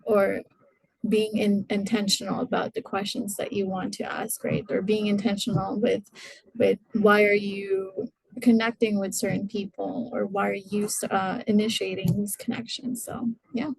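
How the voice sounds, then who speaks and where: A woman's voice: mid-range voice, flat delivery, moderate pace, gravelly, breathy edge, dry recording, low-quality recording. A woman giving informal advice as a panelist, feeling her way through phrases and checking for agreement. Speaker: employer panelist.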